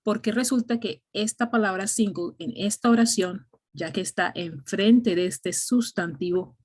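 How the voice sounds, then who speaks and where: A woman's voice: medium pitch, unhurried, darkish tone. A woman teaching an English grammar class, explaining patiently step by step and often checking in with "ok?".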